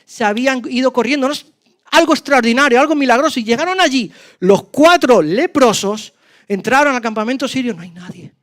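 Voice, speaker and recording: A pastor from preaching a sermon, telling a story dramatically in a voice that swings between loud and soft. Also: male voice, extremely high pitch, a little fast. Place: church.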